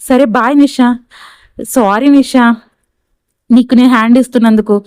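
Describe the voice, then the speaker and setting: A woman's voice: fairly high pitch, fairly even intonation, normal speed, a little mellow, dry recording, lightly acted. A woman voicing a scheming young man who plots a murder, talking in a persuasive, plotting way.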